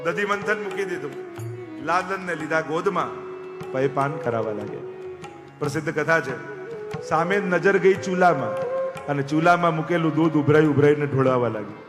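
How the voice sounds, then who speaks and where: A man preaching a devotional story sermon as a katha narrator, animated and acting out each character. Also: a little high, moderate pace. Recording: echoey hall with faint music.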